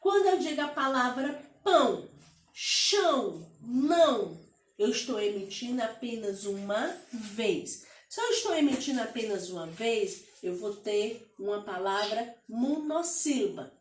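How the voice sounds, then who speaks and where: Brazilian woman teacher, children's lesson, very slow, spells out syllables, echoey room. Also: fairly high pitch, lively intonation, distant mic. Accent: Brazilian Portuguese.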